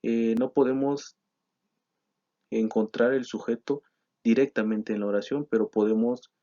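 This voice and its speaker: A man's voice: medium pitch, steady tone, unhurried, mellow. A man teaching a grammar lesson, explaining from slides with frequent "eh" and self-corrections. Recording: slightly dull lo-fi sound.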